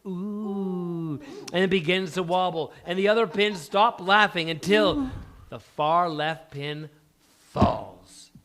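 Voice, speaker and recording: Reading stage directions aloud at a live comedy table read, a man plays up the action with dramatic emphasis. He has a high, somewhat bright voice and takes his time.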